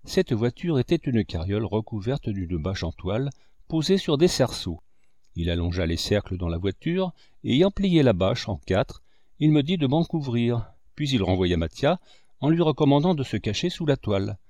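A male narrator reads a classic novel aloud with expressive phrasing. His mid-pitched voice moves up and down a lot. The recording is close and dry. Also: normal speed, no room sound. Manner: expressive, with a wide pitch range. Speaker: audiobook narrator. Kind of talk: literary audiobook narration.

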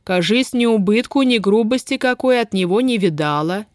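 The gruff, gloomy voice of an older village elder, as a woman reading a story puts him on. He speaks with held-in anger, in a dry, close reading. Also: mid-range voice, animated, normal speed, no echo, pitched above the performer's own voice, natural voice. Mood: grim. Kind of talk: audiobook character voice.

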